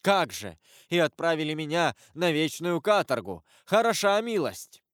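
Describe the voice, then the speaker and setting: A man's voice: a little high, very animated, unhurried, fairly bright tone, dry recording, clean studio sound, voice pushed up. Man voicing a frantic dying convict. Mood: bitter. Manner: pleading, frantic, accusing. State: dying, wounded. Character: dying male convict, desperate and bitter.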